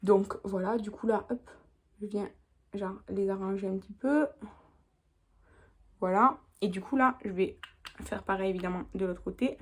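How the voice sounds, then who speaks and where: A woman's voice: mid-range voice, steady tone, moderate pace, pauses often. A young woman, chatting casually through a makeup tutorial as she works. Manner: chatty, talks while working, lots of little "hop"s. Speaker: beauty vlogger.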